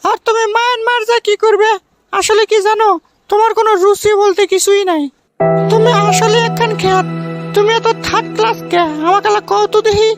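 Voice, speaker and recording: A woman voicing a nagging, dismissive young village sweetheart in a comic cartoon, with a colloquial Bangladeshi regional accent and a creaky voice. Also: extremely high pitch, fairly even intonation, a little fast. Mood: annoyed, scolding. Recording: music under the voice.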